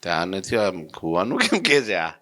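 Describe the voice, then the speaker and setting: A man giving a storytelling sermon in a folksy, animated way, slipping into voices for his characters. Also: deep voice, normal speed. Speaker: preacher giving a religious discourse.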